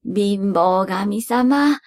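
A simple, earnest old grandfather from a storybook folk tale, played by a woman reader. He speaks slowly, with rustic, old-fashioned phrasing. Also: darkish tone. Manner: rustic old man's speech, lowered and slow.

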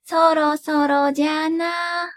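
A woman voicing an old male poverty god who speaks slowly and softly in old-fashioned, rustic speech. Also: high-pitched, level tone, pitched above the performer's own voice. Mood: kindly.

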